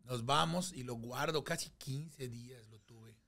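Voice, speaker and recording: A man's voice: medium pitch, unhurried, gravelly. A middle-aged man with a Mexican accent, telling a story as a podcast guest in casual chat and acting out the voices in it. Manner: animated, acts out voices in his anecdotes.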